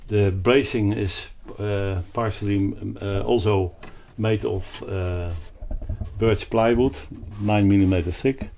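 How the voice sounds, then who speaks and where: An older man in his 60s or beyond, with a Dutch accent, presents his own loudspeaker design in an unscripted explanatory talk, haltingly searching for words. His voice is fairly low, steady and darkish. He speaks in a carpeted, wood-panelled indoor listening room, with slight background noise.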